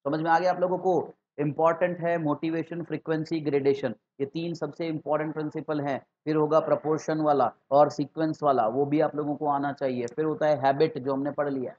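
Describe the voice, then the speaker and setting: A man gives an online exam-prep lesson in a fairly high voice, stopping often to ask his students whether they follow. He repeats key terms and builds each point slowly. The recording sounds slightly dull and lo-fi. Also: level tone, a little mellow. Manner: explanatory, repeats key terms, asks the class questions. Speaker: English teacher for exam prep. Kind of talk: online exam-prep lecture mixing Hindi and English terms.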